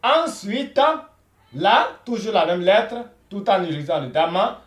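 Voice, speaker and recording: A man teaching beginners Arabic in a slow, patient lesson, repeating himself and saying "voilà" often. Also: high voice, very animated, reverberant.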